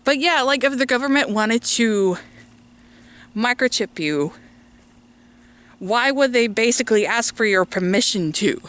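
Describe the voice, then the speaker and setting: A woman's voice: fairly high pitch, lively intonation, unhurried, long pauses, fairly bright tone, smooth. A woman vlogger ranting while walking outdoors, slightly out of breath, with lots of filler words. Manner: ranting, chatty, many "like" fillers. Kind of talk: walking vlog rant. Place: outdoors on a walk.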